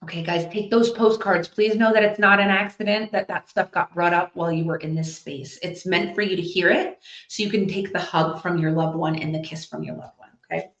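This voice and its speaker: A woman working as a psychic medium, giving a live reading to an audience and thinking out loud as she passes on messages. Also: lowish voice, fairly even intonation, a little fast, hardly any pauses. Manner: chatty, thinks out loud while relaying messages. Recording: echoey, slightly dull recording.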